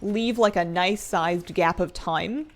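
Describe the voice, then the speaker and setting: Her voice sits on the low side and moves at a slow pace. She's a woman streaming a game live, casually joking with viewers and musing to herself as she plays.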